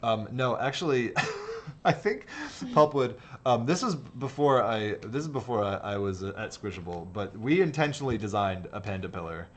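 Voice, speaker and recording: Low-voiced man chatting while sketching. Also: expressive, normal speed. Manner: rambling, hesitant, bursts into shrieks and laughter. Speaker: livestream host and designer. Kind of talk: casual chat while sketching. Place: office studio.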